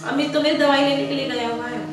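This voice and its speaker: A woman plays a gentle young wife in a village film drama who pleads and defends. Her voice is high and rings in an echoey room away from the mic, with music clear behind. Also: fairly even intonation, fast talker, distant mic. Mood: defending. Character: kind, trusting young wife of the householder. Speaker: lady of the house.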